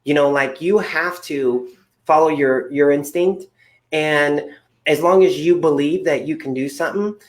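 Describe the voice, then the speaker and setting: A man's voice: fairly high pitch, measured pace. Upbeat man hosting a chatty interview. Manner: upbeat, rambling with many fillers. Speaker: podcast host. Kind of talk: casual interview chat.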